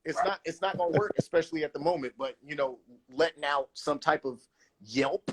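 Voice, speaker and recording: A man talking casually as a guest roller skater, in an animated way, with loose slang and a habit of restarting phrases. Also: fairly high pitch, fairly quick, husky. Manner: animated, loose slang, restarts often, says "you know what I'm saying". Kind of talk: casual conversation.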